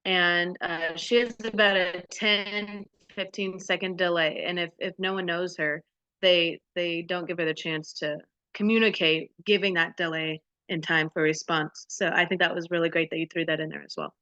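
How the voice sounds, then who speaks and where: Bright-voiced Texan woman on a dull call line. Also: fairly low pitch, steady tone, normal speed, no echo. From Texas. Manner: enthusiastic, with frequent "uh" fillers. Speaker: deafblind intervener specialist. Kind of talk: online group discussion. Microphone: video call. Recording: dull, dry video-call audio.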